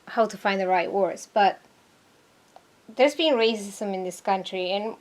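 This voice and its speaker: A woman's voice: mid-range voice, unhurried. A woman from Argentina talking casually to her viewers in a vlog, hesitant and searching for words, earnest and troubled. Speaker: vlogger. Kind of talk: casual talk to camera.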